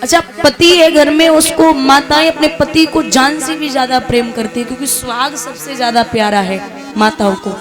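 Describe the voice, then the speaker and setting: A woman storyteller tells a tearful devotional tale and preaches its lesson, talking straight to her listeners. Her voice is high-pitched, and music plays steadily behind the storytelling. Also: fairly even intonation, normal speed. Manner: emotional, addresses listeners directly.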